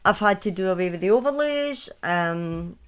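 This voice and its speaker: Medium-pitched, lively in intonation, and at normal speed, a woman in her thirties tells true crime stories in a Scottish accent. It's a casual live stream, and she often veers into chatty asides and corrects herself.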